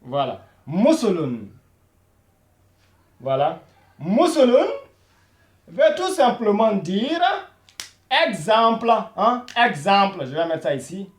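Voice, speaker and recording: A man teaching a beginners' Arabic video lesson, repeating each word slowly and saying "voilà" and "hein" all the time. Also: high voice, big pitch swings, echoey room. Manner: slow and repetitive, repeating each word many times; says "voilà" and "hein" constantly.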